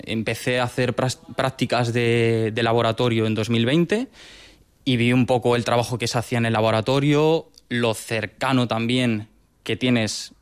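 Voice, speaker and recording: A man in his twenties from Madrid, a doctoral researcher explaining his work in a lab in a measured, patient way with small restarts. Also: mid-range voice, clean tone. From Madrid, Spain. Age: 20s. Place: research laboratory.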